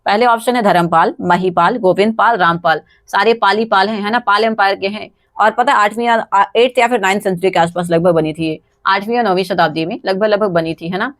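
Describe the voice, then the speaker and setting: An Indian woman hosts a live quiz stream in a relaxed, chatty way, sounding a bit tired. Her voice sits at an ordinary pitch. The sound is dry and close, with no room echo. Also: brisk, few pauses. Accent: Indian English. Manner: chatty, thanks viewers by name, mixes Hindi and English.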